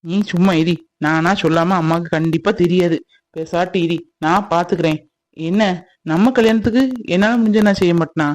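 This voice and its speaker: A performer voicing a reassuring young male fiancé in a cartoon, with a soothing, gently teasing manner. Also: medium pitch, steady tone, a little fast, dry recording, lightly acted. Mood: calm. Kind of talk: cartoon voice acting.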